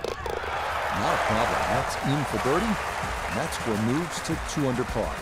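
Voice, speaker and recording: Measured male golf commentator over music. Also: medium pitch, lively intonation, over a noisy crowd, poor audio. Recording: music behind the voice.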